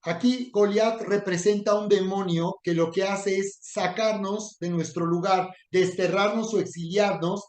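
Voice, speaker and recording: A man's voice: high voice, steady tone, measured pace, few pauses, a little mellow, echoey room. A man preaching a sermon, retelling a story and voicing mocking taunts with dramatic emphasis.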